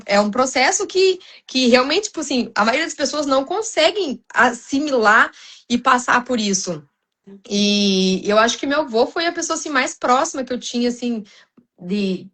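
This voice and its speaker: Uma mulher brasileira, com sotaque brasileiro, fala com sinceridade em um podcast cristão, com muitas hesitações e recomeços. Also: female voice, on the high side, a bit bright. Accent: Brazilian Portuguese. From Brazil. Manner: earnest, many restarts and fillers, addresses listeners as "gente". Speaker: podcast guest.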